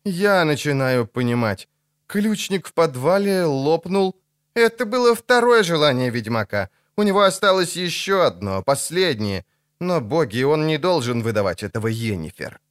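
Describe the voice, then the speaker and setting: A man voicing a calm, sad male elf who speaks quietly and thoughtfully in an audiobook. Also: a little high, moderate pace, voice pushed up. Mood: worried.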